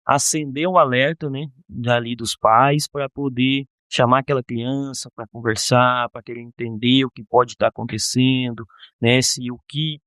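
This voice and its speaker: A man, a counselor on a podcast, explaining in a measured way with frequent tag questions. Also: mid-range voice, steady tone, fairly bright tone, no echo, studio quality. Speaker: guardianship counselor. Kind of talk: podcast interview.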